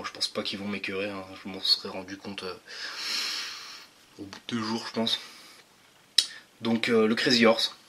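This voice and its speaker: A man giving a casual product review, talking in a slangy, halting way with many restarts. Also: fairly low pitch, sharp tone, a little hiss or hum. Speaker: vape juice reviewer.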